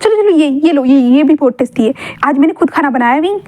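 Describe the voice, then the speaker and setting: A woman's voice: high-pitched, lively intonation, quick pace, a little mellow. A woman voicing a fussy, affectionate middle-aged mother who dotes and repeats herself. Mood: doting. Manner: doting, chattering, repeats herself.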